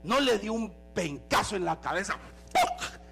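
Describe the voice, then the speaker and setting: A male pastor preaching a sermon in an animated way, slipping in English phrases now and then. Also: high-pitched, normal speed, gravelly, breathy edge, soft background music.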